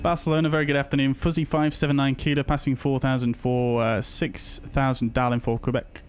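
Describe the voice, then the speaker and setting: A man flying as a pilot, making crisp cockpit callouts and radio readbacks on a headset. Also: medium pitch, little pitch movement, fairly quick, a little hiss or hum. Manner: crisp, clipped checklist callouts. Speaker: flight sim streamer flying as pilot.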